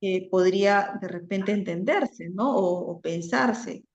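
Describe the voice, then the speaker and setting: A woman's voice: mid-range voice, slow, darkish tone. Woman teaching an online class, lots of "right?" tags and ums, echoey muffled audio. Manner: frequent "¿no?" tags and hesitations. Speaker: lecturer. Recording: roomy, dull lo-fi audio.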